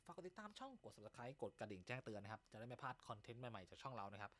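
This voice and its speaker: A man's voice: medium pitch, big pitch swings, very fast, fairly bright tone. A male comedy host telling jokes in casual chat, teasing banter full of crude slang.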